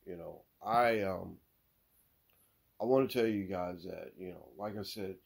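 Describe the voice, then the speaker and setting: A man's voice: deep voice, measured pace, gravelly. A man hosting a sports podcast, telling corny jokes in a casual way and laughing at his own punchlines. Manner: lively, swings between loud and mumbled. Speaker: podcast host.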